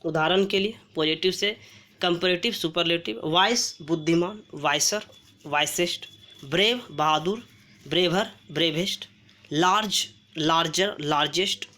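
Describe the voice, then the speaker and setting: A woman's voice: fairly low pitch, measured pace, fairly bright tone. A woman teaching English grammar, reading word lists aloud and asking and answering her own questions. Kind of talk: slow classroom-style grammar lesson.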